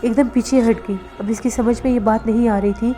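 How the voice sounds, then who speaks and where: A woman narrating a horror novel in a steady, dramatic storytelling manner. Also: fairly high pitch. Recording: faint background music.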